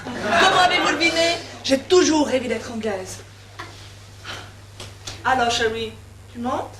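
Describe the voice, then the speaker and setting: A woman's voice: high voice, measured pace, a loud crowd, heavy background noise. A woman playing a brazen, mercenary young woman with a cheeky, cynical manner, in an amateur stage comedy. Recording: echoey stage from far off.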